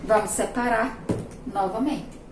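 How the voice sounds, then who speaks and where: A fairly high-voiced Brazilian woman teaching young children over a remote class, recorded from across an echoey room. She speaks patiently and draws words out slowly, syllable by syllable. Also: recorded from a distance, background noise. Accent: Sergipe Brazilian Portuguese. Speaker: primary school teacher. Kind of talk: remote class lesson at a board.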